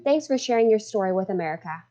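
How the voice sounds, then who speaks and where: A woman's voice: mid-range voice, animated, fast, warm tone, close to an everyday voice. A woman playing a gracious, polite 1940s wartime radio hostess doing scripted interviews, with slightly dull sound.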